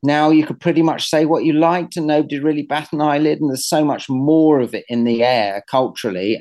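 A man's voice: mid-range voice, darkish tone. A man with a British accent being interviewed as an artist, talking casually in a hesitant, rambling, anecdotal and blunt way.

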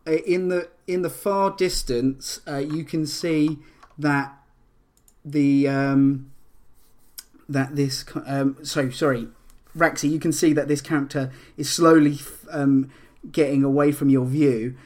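A man running a tabletop role-playing game as game master, describing scenes in a halting way with many fillers and restarts. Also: fairly high pitch, fairly even intonation, darkish tone.

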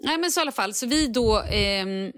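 A woman, a mother of a small child, chatting casually and telling stories with lively acted-out quotes. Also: on the high side. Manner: animated storyteller who acts out quotes. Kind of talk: casual chat.

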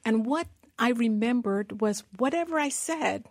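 A woman's voice: on the high side, lively intonation, unhurried, darkish tone, no echo, clean studio sound. A middle-aged woman from Guyana, a guest in an interview, telling her story earnestly. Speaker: guest, managing director. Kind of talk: interview conversation.

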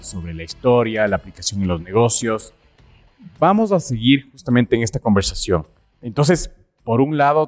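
A man hosting a podcast who talks haltingly, repeating words and often asking for agreement. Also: medium pitch, darkish tone. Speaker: podcast host. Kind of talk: casual podcast conversation.

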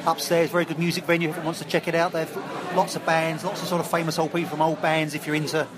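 A man's voice: fairly high pitch, little pitch movement, fast talker. A man chatting casually as a podcast guest. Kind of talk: casual chat. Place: busy pub. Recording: busy pub chatter behind.

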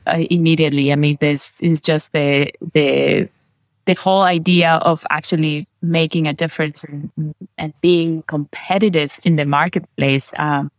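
An interview guest from Peru talks with open enthusiasm, often restarting sentences and leaning on fillers. The voice sits at a middling pitch, and the sound is dry with little room echo. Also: fairly even intonation, moderate pace. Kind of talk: casual interview.

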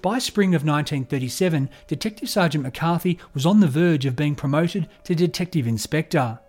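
A man narrating a true crime story in a measured, scripted storytelling delivery. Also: a little high, lively intonation, darkish tone, faint music behind.

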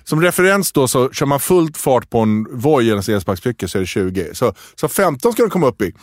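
A male podcast co-host chatting casually and retelling stories with playful voices. His pitch swings widely as he talks. The sound is dry and close. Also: no echo. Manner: lively storytelling, acts out quotes. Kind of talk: casual chat.

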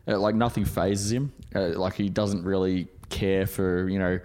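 A man's voice: low voice, level tone, measured pace, a little mellow, clean tone. An Australian man co-hosting a sports podcast, talking through players in a casual, conversational way.

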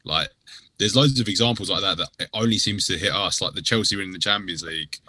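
A man's voice: low voice, fast talker, sharp tone, husky, dry recording. A man in casual football chat, swearing and repeating words as he argues his point. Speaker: football fan podcast panellist.

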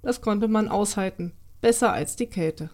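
A woman reading a children's Christmas story aloud in a calm, expressive storytelling manner. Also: medium pitch, normal speed.

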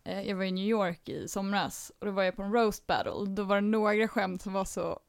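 A woman comedian chatting casually as a podcast guest, animated, with frequent laughs and fillers. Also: medium pitch, creaky, smooth, no echo, clean studio sound.

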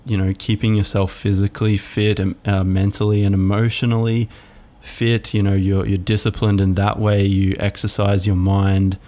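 A man hosting a reflective solo podcast, musing aloud in a halting way with many fillers. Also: fairly low pitch, flat delivery, mellow. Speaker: podcast host.

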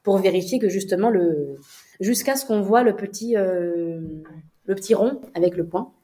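A woman's voice: mid-range voice, moderate pace, mellow. A young woman recounting a personal story in an interview, hesitant, with many fillers and restarts. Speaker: guest.

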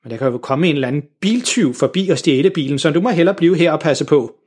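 A man's voice: on the high side, expressive, darkish tone, husky. A man voicing a snooty, sour older woman neighbor in a children's story, talking down to everyone in a stiff, condescending way.

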